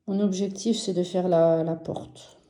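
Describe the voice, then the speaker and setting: A French woman chatting casually and enthusiastically about her embroidery projects in a vlog, slow and gentle with many fillers. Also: on the low side, fairly even intonation, roomy sound. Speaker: embroidery vlogger. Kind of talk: casual show-and-tell vlog.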